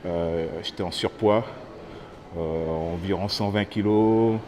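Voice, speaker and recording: A man in his thirties from French Guiana gives a personal testimony, thoughtful and pausing often as he searches for words. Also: low-pitched, a little mellow, a little hiss or hum. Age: 30s. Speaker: interviewee.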